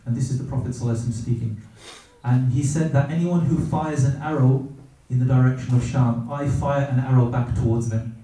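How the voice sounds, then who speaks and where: In a reflective religious talk, a middle-aged man shares something he lived through, his voice deep, mellow and very dark. He is gentle, reverent and slow, repeatedly stopping on fillers and pausing to gather his thoughts. Sitting at a distance from the microphone, he is heard with strong room echo around each phrase.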